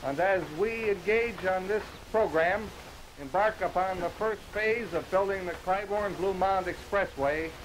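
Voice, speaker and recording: Man, dignified public address, high-pitched, light hiss, old newsreel recording. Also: measured pace, low-quality recording. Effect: old 1950s newsreel audio with hiss. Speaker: official speaking at a public ceremony. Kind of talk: formal ceremonial speech.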